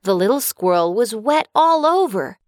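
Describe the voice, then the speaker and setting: A woman narrating a children's cartoon story, her slightly high voice rising and falling in a lively storytelling lilt. The studio sound is dry and close. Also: moderate pace, no room sound.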